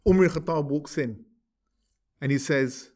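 A man's voice: on the high side, unhurried, darkish tone. Man telling a story in a lecture. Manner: conversational, asks "right?" to check in. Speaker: religious teacher.

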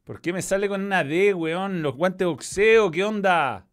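Chilean man with a higher voice. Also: normal speed. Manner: loose, swears freely, reads chat messages aloud. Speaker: football show host. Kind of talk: casual livestream chat.

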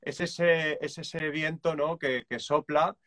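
Guy calmly explaining drum beats on a video call, slightly high voice, counts them out loud. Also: slow pace. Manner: calm and reflective, hesitant restarts, counts beats aloud. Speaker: guest musician and drummer.

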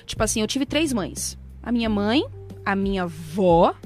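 A woman telling a personal story in a casual chat, animated and emotional, acting out quoted prayers and voices. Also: medium pitch, moderate pace, faint music behind. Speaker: guest.

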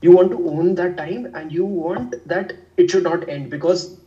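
A man's voice: high-pitched, fairly even intonation, normal speed, distant mic, muffled recording. A young man from India with a North Indian accent, talking conversationally as an interview guest in an explanatory, self-repeating way. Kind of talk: conversational discussion of work life.

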